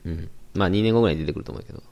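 A man's voice: low-pitched, racing, gravelly, a little mellow. A young man with a Kansai accent, co-hosting a podcast in laid-back casual chat and laughing often. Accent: Kansai Japanese. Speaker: podcast co-host.

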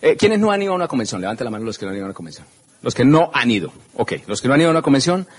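A man telling an animated story to an audience at a business event, acting out the scenes and calling out to the crowd. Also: mid-range voice, rapid-fire, slightly rough. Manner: expressive, acts out scenes and shouts.

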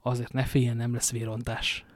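A man's voice: medium pitch, monotone, no room sound, clean studio sound, natural voice. A man voicing a smug, mocking middle-aged baron who speaks with gloating sarcasm.

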